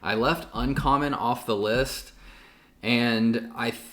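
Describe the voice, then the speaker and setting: A man's voice: mid-range voice, fairly even intonation, slow, fairly bright tone. A man co-hosting a podcast, chatting casually with lots of fillers and restarts. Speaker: podcast co-host. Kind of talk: casual chat.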